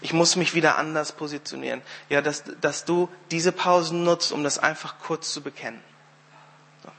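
Male preacher, bright, forceful delivery, rambling storyteller, long hall reverb. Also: fairly high pitch, steady tone, moderate pace, vocal fry. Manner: storytelling with many fillers and restarts. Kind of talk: sermon with closing prayer.

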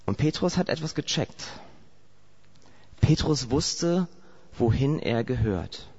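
A man from Saarland, Germany, preaches a sermon in a mid-range, slightly mellow, husky voice, animated yet slow-paced. He tells the story vividly and keeps asking rhetorical questions, and the recording is dull and lo-fi.

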